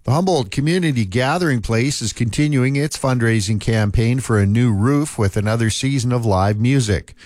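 A man reads local news and sports in a steady, measured way. His voice sits at an ordinary pitch. The recording is dry and close, with no room sound. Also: no echo. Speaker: news anchor. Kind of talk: scripted news reading.

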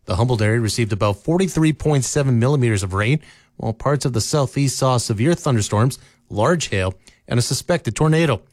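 A man reading a local radio newscast as the anchor, in a steady, measured delivery. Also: medium pitch, no room sound, studio quality. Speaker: news anchor. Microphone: close studio mic, dry.

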